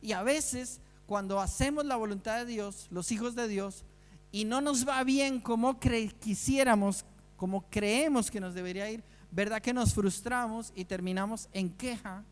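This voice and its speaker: A man's voice: high-pitched, long reverb tail. A man preaching a sermon, earnest, asking the listeners rhetorical questions.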